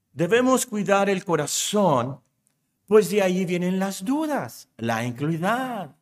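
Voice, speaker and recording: A man preaching as pastor, emphatic, repeating key words and rising to near shouts. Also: sits high. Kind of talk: sermon.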